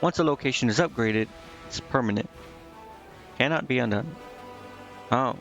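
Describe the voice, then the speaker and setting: At a moderate pace, a man with a creaky, somewhat bright mid-range voice gives casual commentary while streaming a game. He reads aloud and mutters to himself often. The muffled lo-fi audio has game music playing underneath.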